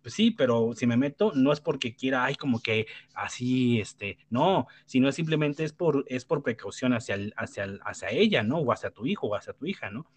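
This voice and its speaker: A man with a Mexican Spanish accent speaks as a panelist in a casual debate, his mid-range voice animated at a moderate pace with few pauses. He rambles and is blunt, swearing freely, restarting often and tacking tag questions onto his points. The recording is dry.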